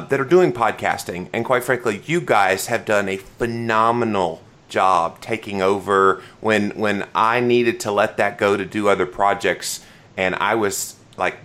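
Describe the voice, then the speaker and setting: Chatty low-voiced man hosting a podcast. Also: normal speed, a bit bright. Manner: chatty, joking, self-deprecating. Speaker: podcast host. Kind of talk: casual interview chat.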